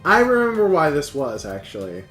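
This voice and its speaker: A man's voice: fairly high pitch, huge pitch swings, normal speed, a bit bright, soft background music. A man hosting a live model-building stream, chatting casually, rambling and giggling. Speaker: streamer and host. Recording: echoey room.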